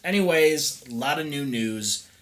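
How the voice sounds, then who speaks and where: A man's voice: a little high, animated, a little slow, a bit bright. A man co-hosting a podcast in loose, rambling casual chat with restarts and asides. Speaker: podcast co-host.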